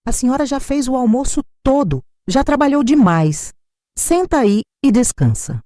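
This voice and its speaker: A woman's voice: sits high, sing-song, normal speed, warm tone, dry recording, clean studio sound, voice pushed up. A woman voicing a scheming young daughter-in-law with a Brazilian accent, sugary and falsely polite. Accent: Brazilian Portuguese.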